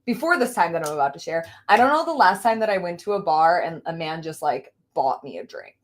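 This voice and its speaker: Animated young woman hosting a live chat. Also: lowish voice, fairly quick. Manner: animated, laughs often, lots of fillers. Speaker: livestream host. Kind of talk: casual chat with a friend.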